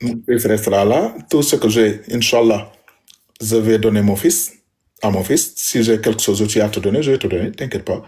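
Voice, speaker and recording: A man's voice: on the low side, normal speed, a little mellow. A man, speaking to his wife in an emphatic, repetitive, aggrieved way. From Senegal. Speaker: husband addressing his wife. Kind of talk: heated personal address.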